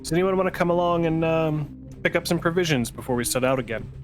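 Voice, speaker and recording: A man's voice: a little high, fast, faint music behind. A man chatting casually as a player in a tabletop roleplaying game.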